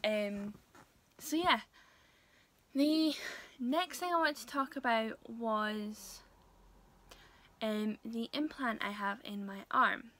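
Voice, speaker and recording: A young woman talking casually to her viewers in a vlog, hesitant and full of pauses and fillers. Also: on the high side, fairly bright tone. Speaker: vlogger. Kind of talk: casual vlog talk to camera.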